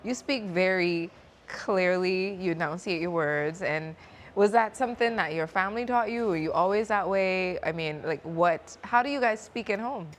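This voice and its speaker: A woman's voice: lowish voice, normal speed, slight background noise. A woman from the Bahamas with a Bahamian accent, hosting a casual interview and laughing often. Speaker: podcast host.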